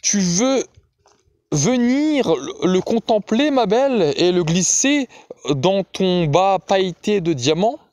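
A man's voice: sits high, lively intonation, slow, a little mellow, dry recording, pitched above the performer's own voice. A man reading aloud and voicing Gutterson, an ironic novelist who teases in a mocking, sing-song way.

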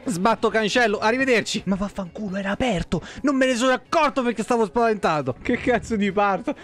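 A man's voice: high-pitched, brisk, soft background music. Panicky, foul-mouthed young man streaming. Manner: swears a lot, panicky yelps and shouting. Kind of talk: live gameplay commentary.

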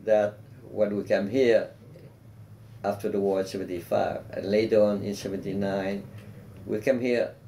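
An older man from South Vietnam with a Vietnamese accent, giving measured, earnest answers in an oral history interview, seated in an office. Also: lowish voice, little pitch movement, mellow, a little hiss or hum, low-quality recording. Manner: measured, earnest, with frequent restarts and "you know". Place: office with bookshelf and plant. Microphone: seated, framed mid-shot by a camera.

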